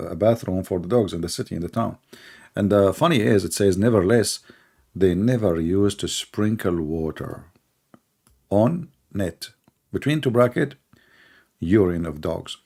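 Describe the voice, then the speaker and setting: Older male host, husky low voice, sarcastic rambling monologue. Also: lively intonation, normal speed, darkish tone. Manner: sarcastic, mocking, rambling with many fillers. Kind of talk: casual monologue.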